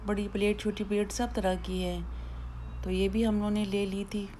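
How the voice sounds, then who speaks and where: A woman's voice: medium pitch, little pitch movement, moderate pace, dark tone, slight background noise. A woman vlogger chatting casually as she walks viewers through a supermarket, explaining what is on the shelves. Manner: chatty, explanatory tour guiding. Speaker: food vlogger. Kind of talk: casual shopping vlog voice-over.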